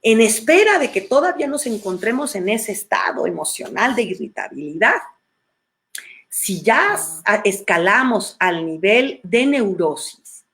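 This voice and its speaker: A middle-aged woman with a Mexican accent giving an animated, conversational talk on emotions, often restarting her phrases. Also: mid-range voice, measured pace. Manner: animated, acts out quoted voices, frequent restarts. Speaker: speaker on emotions.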